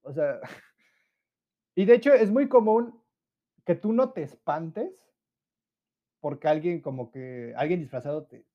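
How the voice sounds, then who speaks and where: A man's voice: fairly high pitch, expressive, unhurried, long pauses, muffled recording. A nineteen-year-old man with a Mexican accent, hosting a casual solo podcast, chatty and slangy, laughing often and acting out friends' voices. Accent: Mexican Spanish. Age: late teens. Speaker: podcast host.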